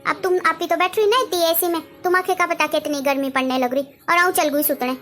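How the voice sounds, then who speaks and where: A woman playing a sharp-tongued, lazy sister-in-law who scolds and makes excuses. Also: very high voice, steady tone, a little fast, soft background music. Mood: taunting.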